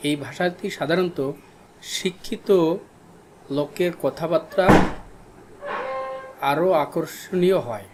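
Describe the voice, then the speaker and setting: Slow, deliberate male teacher from Bangladesh. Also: on the high side, over music. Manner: slow, repeats key terms for students. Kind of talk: recorded classroom lesson.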